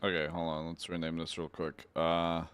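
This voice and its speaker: A man's voice: sits low, completely flat delivery, normal speed, a bit bright, clean tone, no room sound. A man hosting a livestream, chatting laid-back with viewers while he edits podcast clips. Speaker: streamer and podcast host. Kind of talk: casual livestream chat.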